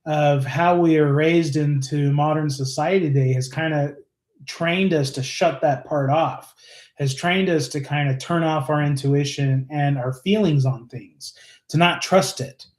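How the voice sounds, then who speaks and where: A man with a fairly high voice talks on a casual live stream, earnest and rambling, circling back with fillers and restarts. The room around him is echoey, so his voice bounces a little off the walls. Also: measured pace, a little mellow. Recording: roomy echo.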